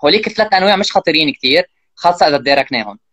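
Man, rapid-fire interview guest, very dry close recording, animated dialogue bits. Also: on the high side, no echo. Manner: fast, animated, acts out parent and child lines. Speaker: guest expert on parenting. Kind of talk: casual explanatory interview talk.

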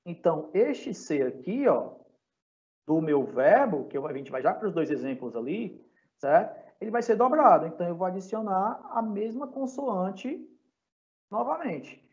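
A man's voice: sits high, sing-song, normal speed, darkish tone, highs cut off. A man with a Brazilian Portuguese accent teaching an English lesson to a class, patiently spelling out letters and checking in constantly to see that students follow. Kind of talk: recorded online class lesson. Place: classroom or home for a live online class.

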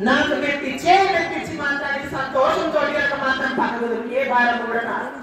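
A woman's voice: high voice, fairly even intonation, fairly quick, distant mic. A woman with a Telangana accent delivering prophecy in a trance, commanding and addressing devotees as her children, over a PA outdoors. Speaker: festival oracle giving prophecy. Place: outdoor hillside temple gathering with large crowd. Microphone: handheld mic over PA, recorded from the crowd. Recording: echoing PA from afar, crowd noise.

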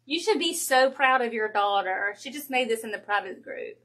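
A chatty woman with a Georgia Southern accent talks casually through a home crafting livestream. Her voice sits a little high and she gushes freely, laughing easily. It sounds like a phone mic in a craft room. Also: fairly bright tone. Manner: chatty, gushing, quick to laugh. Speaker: wreath-making host.

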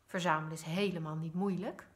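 A woman's voice: on the low side, fairly even intonation, fairly quick, close to an everyday voice. A woman doing a cheerful old neighbor man. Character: friendly male neighbor who loves collecting.

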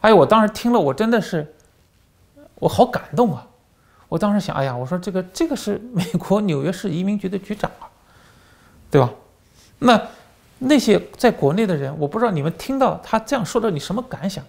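Guy rambling quick through political commentary, gravelly voice, keeps stacking fillers and repeats. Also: sits high. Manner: animated storytelling full of fillers and repeats. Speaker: channel host and former journalist.

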